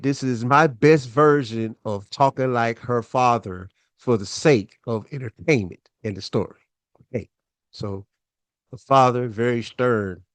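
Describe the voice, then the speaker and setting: A man's voice: mid-range voice, no room sound. A man hosting his own show, telling a personal story in a laid-back, chatty way with lots of fillers.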